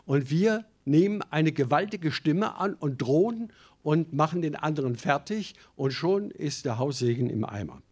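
A man's voice: fairly high pitch, animated, moderate pace, a little mellow. A male pastor delivering a sermon with a voice sitting a little above the usual male range. He preaches with strong emphasis, speaking straight to his listeners, then loosens into chatty asides with the odd hesitation. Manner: emphatic preaching, addresses congregation directly.

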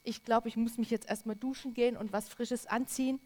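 A woman preacher voicing Lazarus, a man raised from the dead, chatting offhandedly and then shouting for joy. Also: fairly high pitch, fairly even intonation, fairly quick, close to an everyday voice. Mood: offhand.

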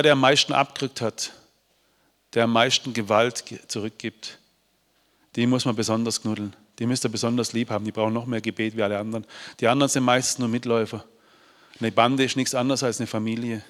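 A man telling a moving story to an audience, swinging between loud bursts and hushed, quiet passages. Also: medium pitch. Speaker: speaker. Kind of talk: motivational storytelling talk. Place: large hall. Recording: hall reverb with faint music.

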